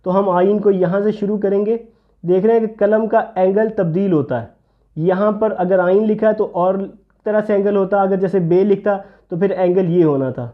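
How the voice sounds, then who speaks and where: A man teaching handwriting step by step, patiently explaining each stroke as he writes. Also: phone-quality sound. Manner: patient, explains while writing, drops low for "see this". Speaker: calligraphy teacher.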